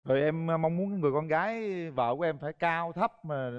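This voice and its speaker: A man's voice: a little high, brisk, clean tone, highs cut off. A middle-aged man with a Southern Vietnamese accent, hosting a dating show with playful interview questions. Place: TV studio stage with audience. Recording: reverberant studio, loud music behind.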